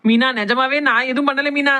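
A woman's voice: high-pitched, fairly even intonation, fairly quick, pushed and bright. A woman with a Kanyakumari Tamil accent playing a young daughter-in-law who defensively pleads that she did nothing wrong in a comedy skit. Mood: pleading.

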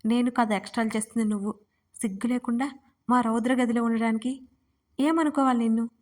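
A woman's voice: fairly high pitch, steady tone, a little fast, darkish tone, natural voice. A woman voicing a scornful young female rival in a read-aloud romance story. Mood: indignant. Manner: indignant.

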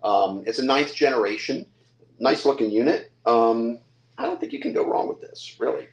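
An older man calls out bids and talks up each item in a friendly, chatty salesman patter. His mid-pitched voice rings in an echoey indoor room. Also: expressive, moderate pace, creaky, dull audio. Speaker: auctioneer. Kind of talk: live-stream auction pitch. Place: hotel room or lounge, indoors.

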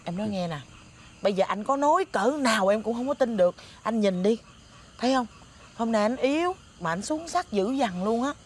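Woman playing a stubborn caring woman, Southern Vietnamese accent, insistent, pleading, slightly high voice. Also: lively intonation, normal speed, slightly rough. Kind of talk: southern Vietnamese comedy sketch acting.

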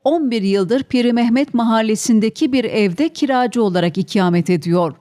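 A woman's voice: fairly high pitch, moderate pace, dark tone. A woman reporter reading scripted news narration as a voice-over.

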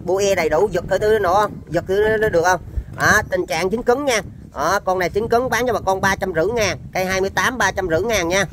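A man's voice: high voice, fast, a bit bright, slight background noise. A man with a Southern Vietnamese accent giving an informal sales demonstration of used machinery, in chatty, repetitive patter.

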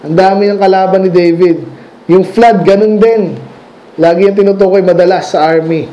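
A man's voice: high voice, fairly even intonation, normal speed, mellow, rough recording. A man preaching a sermon in a church, conversational, asking the congregation questions and laughing at his own stories. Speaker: pastor.

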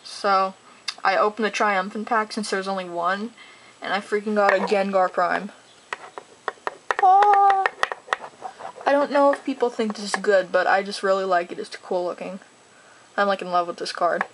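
A teenage girl chatting casually while opening trading card packs, talking fast and rambling excitedly. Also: mid-range voice, background noise. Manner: gushing, excitable. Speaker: card collector vlogger. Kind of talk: casual unboxing chat.

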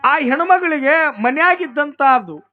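A man's voice: very high voice, lively intonation, measured pace. A man with a North Karnataka Kannada accent telling a devotional story in a sing-song, emphatic manner, repeating his phrases. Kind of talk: religious storytelling discourse. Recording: tinny phone-like sound, faint accordion. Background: faint accordion music.

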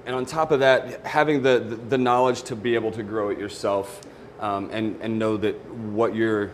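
A man's voice: lowish voice, steady tone, moderate pace, a little hiss or hum. A man in his forties, a guest chef on a TV studio kitchen set, talking in an easygoing way and often repeating words as he cooks. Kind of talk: live TV cooking demo.

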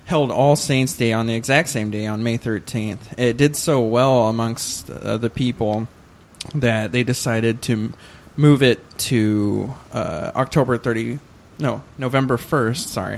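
A man's voice: mid-range voice, vocal fry. Hesitant man recounting research on a podcast. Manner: hesitant, self-correcting, many fillers. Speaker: podcast co-host.

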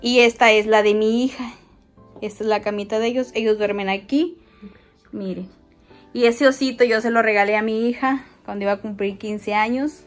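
A woman with a steady voice on the high side gives a chatty house tour vlog of her small home at a normal speed, filming on a handheld phone as she walks. She treats her viewers like friends, and faint music can be heard behind her.

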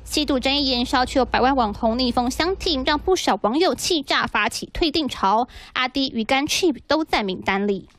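A woman's voice: high-pitched, animated, normal speed, few pauses, a bit bright. A woman with a Taiwanese Mandarin accent reading scripted news narration as a reporter.

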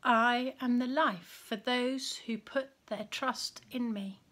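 A woman voicing Jesus as a calm, sorrowful grown man in a children's storybook reading, speaking slowly and solemnly. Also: a little high.

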